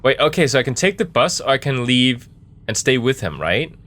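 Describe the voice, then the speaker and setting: A man's voice: mid-range voice, very animated, brisk, a bit bright. A man giving casual, joking game commentary, thinking aloud in a laid-back, rambling way as he streams. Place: small office in a camper.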